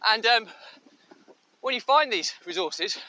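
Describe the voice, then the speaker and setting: A man's voice: sits high, animated, measured pace, bright, forceful tone. Man talking over wind-distorted mic. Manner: thoughtful, with frequent ums and uhs. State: running into a headwind. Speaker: vlogger. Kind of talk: talking while running, business advice. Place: outdoors, windy. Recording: wind-distorted outdoor mic with faint noise.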